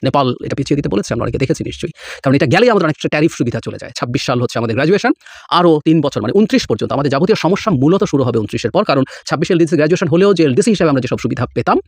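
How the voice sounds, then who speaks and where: Rapid-fire, lively man. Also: on the high side, no echo, clean studio sound. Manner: scornful, emphatic, with English phrases mixed in. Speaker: political commentator. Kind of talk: solo video commentary.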